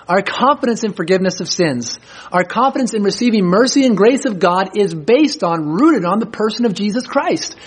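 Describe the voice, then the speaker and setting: A man preaching a sermon, reading scripture aloud slowly and then explaining it in plain, conversational talk. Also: sits high, husky. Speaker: pastor.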